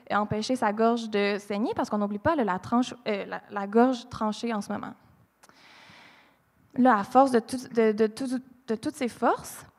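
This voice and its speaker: A woman with a Québécois accent telling a true crime story on stage at a live podcast taping, animated and acting out the quoted lines, with many fillers. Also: fairly high pitch. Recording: long hall reverb from a live venue.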